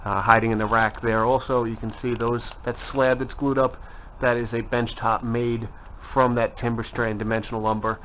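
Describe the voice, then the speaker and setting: A man's voice: medium pitch, level tone, moderate pace, a little hiss or hum. A man giving a casual walking tour of his cluttered home woodshop, pointing things out as he goes. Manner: chatty, points things out as he walks. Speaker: woodworker giving a shop tour. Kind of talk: casual handheld walkthrough. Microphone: handheld camera mic. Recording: dull lo-fi camcorder audio.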